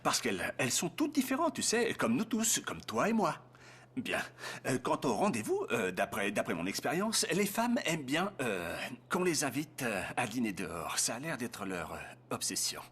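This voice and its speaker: A man's voice: mid-range voice, wildly swooping pitch, normal speed, a bit bright, slightly rough, exaggerated voice. A man playing an awkward, well-meaning middle-aged dad, hesitant and fumbling, in a French-dubbed film with faint noise.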